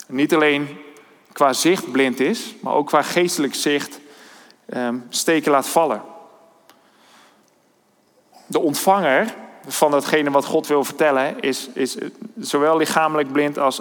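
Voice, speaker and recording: A man delivering a sermon in a church hall, his mid-pitched voice carrying a long reverb tail. He speaks thoughtfully, hesitating on fillers and restarting his sentences as he works through his points. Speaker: preacher.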